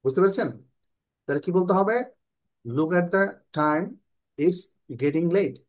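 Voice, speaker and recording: Bangladeshi man teaching English, fairly high voice, speaks phrases slowly and carefully for students to repeat. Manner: explains in Bengali, slowly models English phrases. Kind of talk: online English class.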